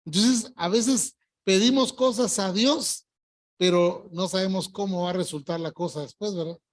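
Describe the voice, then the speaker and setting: Older man, pastor, sermon delivery, emphatic, drags out key words. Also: high voice. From Colombia. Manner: emphatic preaching, stretching key words slowly. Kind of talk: evangelical sermon. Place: church service.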